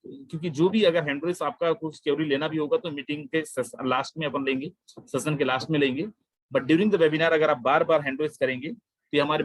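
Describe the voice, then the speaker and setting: A man hosting an online webinar, pitching a plan with emphatic, repetitive persuasive talk that mixes in English phrases. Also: dry recording, poor audio. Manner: emphatic, repeats phrases, addresses listeners as my friend. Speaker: webinar host presenting a crypto plan.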